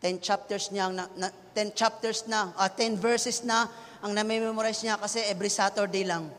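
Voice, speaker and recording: High-pitched Filipino pastor preaching in a reverberant hall. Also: male voice. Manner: switches between Tagalog and English, swings from hushed to shouting. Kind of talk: sermon.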